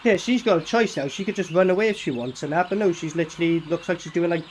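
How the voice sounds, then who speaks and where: A man's voice: a little high, fast, darkish tone, a little hiss or hum. A man giving casual, mocking running commentary on a film, sarcastic and full of swearing. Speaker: horror film reviewer reacting while watching.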